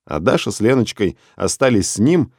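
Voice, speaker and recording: A man narrating a dark story as an audiobook, in a steady, measured reading. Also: on the low side, breathy edge, no room sound, clean studio sound.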